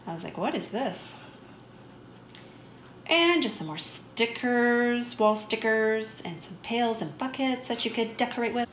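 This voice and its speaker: A woman vlogger narrates a shop-with-me voice-over in a chatty, easygoing way, getting enthusiastic about small finds. Her voice is a little high, animated and unhurried. The sound is reverberant with slight background noise.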